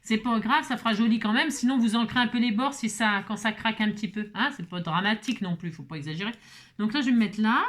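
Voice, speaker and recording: A middle-aged woman talks her viewers through a craft project in a loose, rambling way. Her voice sits a little high, and she often stammers and starts over, tossing in self-mocking asides as she works. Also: fast talker, a bit bright. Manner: stutters and restarts often. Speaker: craft vlogger. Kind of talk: casual crafting tutorial chat.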